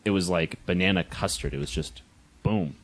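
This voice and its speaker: A man's voice: sits low, normal speed. A man co-hosting a casual beer-tasting podcast, joking wryly and swearing offhandedly. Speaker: podcast co-host.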